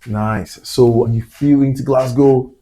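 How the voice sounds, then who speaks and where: A man's voice: mid-range voice, fairly even intonation, slow, dark tone, a little hiss or hum. A man hosting a science podcast, talking in a casual, rambling way with many fillers. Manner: chatty, lots of fillers and asides. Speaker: podcast host. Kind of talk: casual interview chat. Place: Glasgow.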